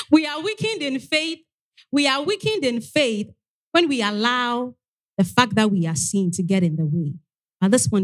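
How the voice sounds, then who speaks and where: A young woman preaching an earnest sermon into a handheld mic in a church, often pausing on "Amen". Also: fairly high pitch. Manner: earnest exhortation with frequent "Amen". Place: church sanctuary stage.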